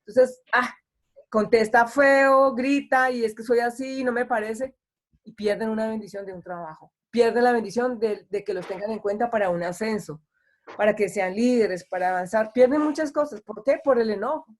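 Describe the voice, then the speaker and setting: A woman's voice: medium pitch, darkish tone. A woman pastor preaching an online sermon in a conversational way, acting out the complaints of the people she quotes.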